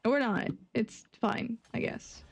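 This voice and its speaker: A woman's voice: on the high side, slow, gravelly, dry recording. A woman casually chatting with her viewers while live-streaming a game; laid-back, laughing often and swearing freely.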